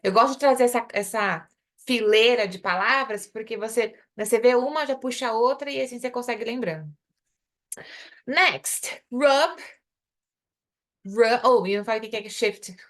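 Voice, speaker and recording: A young adult woman with a Brazilian Portuguese accent, teaching an English lesson live online. She explains in Portuguese and says the English example phrases slowly and carefully. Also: fairly high pitch, a bit bright.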